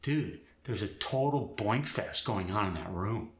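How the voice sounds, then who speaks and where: A chill, dim young Valley guy for a comic nineties character demo. His valley-girl drawl is slow and swoops widely, with rising ends and constant "like" and "bro", in an echoey room. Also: lowish voice, animated. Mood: slangy, stoked. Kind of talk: comic character demonstration in accent lesson. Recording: roomy echo.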